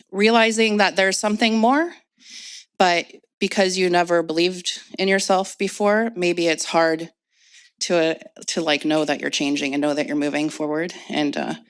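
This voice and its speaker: A woman from Indianapolis speaking to a live audience, then reading her own poems in a slow, measured way. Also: on the low side. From Indianapolis, United States. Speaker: poet reading her work. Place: event space with an audience.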